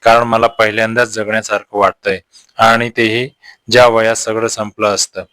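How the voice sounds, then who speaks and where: A man voicing a lonely middle-aged woman who is fragile and guarded, speaking her lines softly. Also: on the low side, level tone, normal speed, clear, resonant tone, no echo. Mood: tender.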